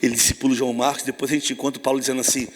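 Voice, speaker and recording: A man with a Brazilian accent preaching an animated youth sermon, telling stories and acting out dialogue, moving between shouts and hushed tones. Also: medium pitch, racing, big-room sound. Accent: Brazilian Portuguese. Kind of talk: lively evangelical sermon.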